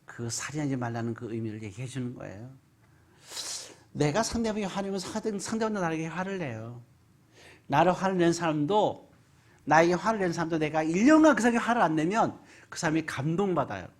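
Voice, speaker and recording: A pastor preaches a Sunday sermon in a church sanctuary, often asking the congregation questions. The voice is husky, and the pitch leaps up and down as the delivery swings from loud emphasis to near-hushed asides. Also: animated, a little fast.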